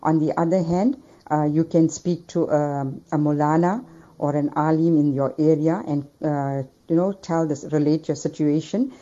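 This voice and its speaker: A low-voiced woman speaks in a recorded voice message played back over the air. Her tone is mellow and earnest as she offers advice, and the sound is dull and lo-fi. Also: fairly even intonation, normal speed. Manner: earnest, gives advice with Islamic phrases. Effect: voice message played over the radio. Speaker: listener giving advice. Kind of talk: recorded voice note read out as advice.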